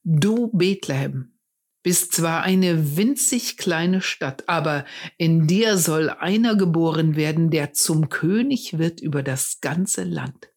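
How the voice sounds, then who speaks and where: A woman reading the part of an earnest adult male shepherd who tells his friends about an old prophecy, speaking slowly and with care. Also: low voice, a little mellow, husky, full character voice. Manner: slow, earnest storytelling.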